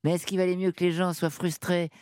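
Woman, 60s, from northern france, radio guest, lively, halting, dry studio sound. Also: on the low side, clean tone, no echo. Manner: lively, halting, full of restarts. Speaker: interview guest. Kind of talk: radio interview.

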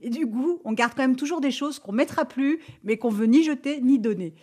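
A woman working as a business advisor, giving clear, structured feedback on a radio show. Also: sits high, mellow. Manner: clear, structured, quick to laugh.

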